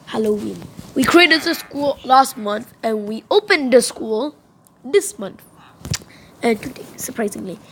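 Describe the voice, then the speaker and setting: A woman's voice: a little high, animated, a little slow, slight background noise, rough recording. A woman improvising a pretend school role-play, speaking as a strict but fair new principal in a rambling way. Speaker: role-play performer voicing a school cast.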